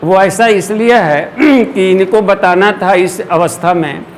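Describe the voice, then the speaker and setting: A man giving a devotional lecture, explaining earnestly to an audience and often clearing his throat. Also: sits high, takes it slowly, slight background noise. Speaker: spiritual teacher.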